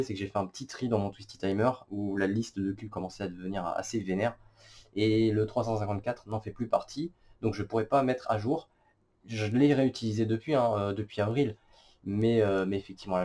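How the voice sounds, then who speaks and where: Male vlogger, lowish voice, halting casual commentary with lots of fillers. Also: darkish tone. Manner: hesitant, many fillers and self-corrections. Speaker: cubing vlogger. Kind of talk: casual screen-recorded commentary.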